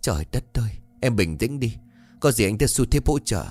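A man's voice: on the low side, lively intonation, fast, darkish tone. A man voicing an anxious, agitated middle-aged businessman in a ghost story, asking urgent questions. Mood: alarmed.

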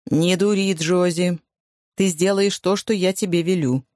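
A narrator voicing a gruff, domineering soldier husband who gives blunt orders in a dry recording. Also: medium pitch, fairly even intonation, a little slow, a little mellow, no echo, lightly acted.

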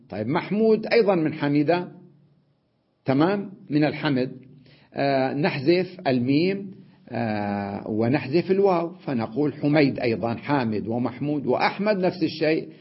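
A man teaching an Arabic grammar lesson, explaining step by step, checking in with his students and pausing on drawn-out fillers. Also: medium pitch, slightly rough. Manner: explains step by step, often asks "تمام؟" and adds "نعم"; drawn-out "آه" fillers between points. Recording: dull lo-fi lesson recording.

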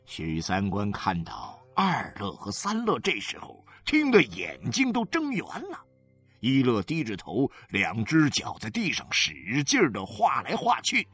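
A man narrating an audiobook with a storyteller's measured delivery. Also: medium pitch, wildly swooping pitch, a bit bright, husky, faint music behind.

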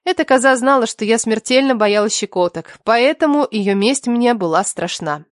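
A woman narrating a first-person story in an expressive, lively audiobook reading. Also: fairly high pitch, moderate pace, no echo, studio quality.

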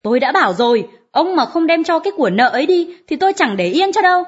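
A shrill peasant wife, as a woman acts her out, high-pitched and swinging wildly up and down as she nags and scolds. Her harsh, bitter voice comes through a dull, lo-fi audiobook recording. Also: sing-song, normal speed, a bit bright. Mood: nagging. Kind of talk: audiobook character reading.

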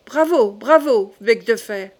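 A woman reading the part of an excited young king in an audiobook, calling out loudly to his falcon. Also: high voice, normal speed, voice pushed up, natural voice. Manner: loud eager cries.

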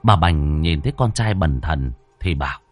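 A man's voice: a bass voice, lively intonation, normal speed, soft background music. A man telling a ghost story in scripted, dramatic narration.

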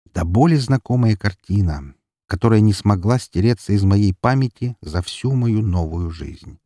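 Male audiobook narrator, low husky voice, lively dramatic delivery, dry close studio sound. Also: normal speed, no echo. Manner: dramatic, expressive reading.

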